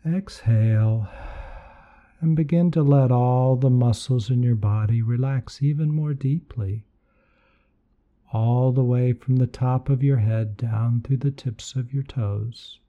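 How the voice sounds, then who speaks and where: A man leading a guided meditation in a soothing, gentle, unhurried manner that softens at times toward breathiness. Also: mid-range voice, phone-quality sound. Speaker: meditation podcast host.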